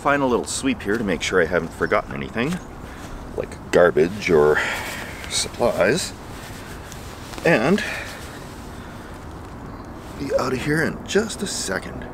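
A man's voice: lowish voice, big pitch swings, measured pace, long pauses, background noise. A man in his forties filming a casual camping vlog outdoors in the woods, talking to a nearby camera with dry, wry asides. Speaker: camping vlogger. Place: woods at night and morning, outdoors.

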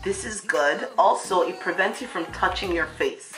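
Frau spricht durch ein Gesichtsschild, halliger Raum. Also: female voice, fairly low pitch, moderate pace, a bit bright, echoey room, faint music behind, poor audio. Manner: chatty, demonstrating while talking. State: speaking through a face shield. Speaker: vlogger. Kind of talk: casual product review vlog.

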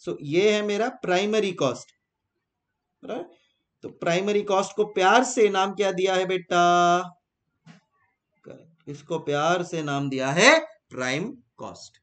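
A man's voice: sits high, unhurried, a bit bright. A man with an Indian accent teaching a live online class, asking rhetorical questions and answering them himself and repeating key terms so students can note them down.

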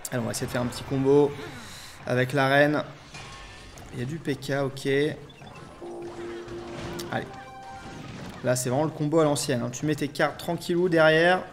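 A young man commentating his own mobile strategy game, swinging between low muttering and loud, swearing outbursts. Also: steady tone, normal speed, long pauses. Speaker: gaming YouTuber. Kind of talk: live gameplay commentary. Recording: faint game music behind.

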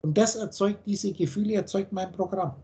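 A man's voice: high voice, normal speed, dark tone. Blunt preachy man on a video call. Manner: blunt, preachy, full of rhetorical questions. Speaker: spiritual teacher.

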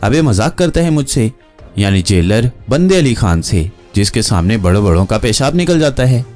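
A man voicing a gruff, bullying middle-aged jailer who sneers and threatens. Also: on the low side, lively intonation, moderate pace, darkish tone, faint music behind, close to an everyday voice. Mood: scornful bully.

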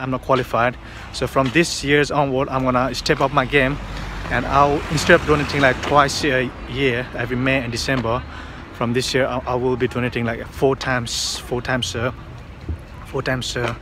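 A man in his thirties talks to a phone held at arm's length, rambling through fillers and restarts. His voice stays flat and even in pitch. Street and car noise comes through clearly behind him. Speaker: vlogger. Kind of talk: casual vlog to camera. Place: outdoors on city streets, partly in a car.

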